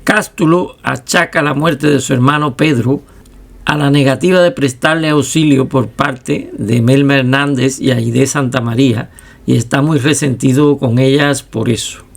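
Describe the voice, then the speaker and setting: A man narrating a history documentary in a measured, steady way. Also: mid-range voice, vocal fry.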